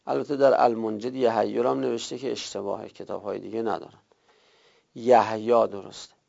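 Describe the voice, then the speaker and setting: A man's voice: fairly low pitch, level tone, creaky, mellow. A man teaching a grammar class who explains step by step, repeating and rephrasing each rule. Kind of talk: lecture on Arabic verb morphology. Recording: lo-fi muffled recording.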